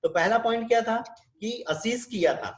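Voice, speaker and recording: Indian male nursing tutor, high voice, online class, patient, teacherly, questions the class. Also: normal speed. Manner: teacherly, keeps checking with the class; switches between Hindi and English. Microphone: video call.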